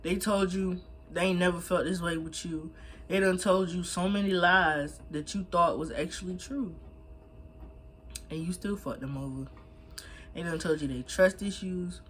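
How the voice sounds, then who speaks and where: A woman's voice: fairly low pitch, moderate pace, a little hiss or hum. A young woman giving blunt, emphatic, slangy advice in a casual chat while she eats. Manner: talking while eating. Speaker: mukbang vlogger.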